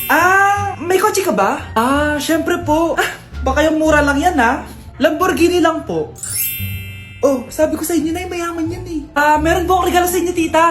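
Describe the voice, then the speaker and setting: High-voiced woman playing comic roles. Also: moderate pace, long pauses, soft background music. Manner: switches between mother and child characters, Taglish banter. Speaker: comedy skit performer. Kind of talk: comedic skits playing many roles.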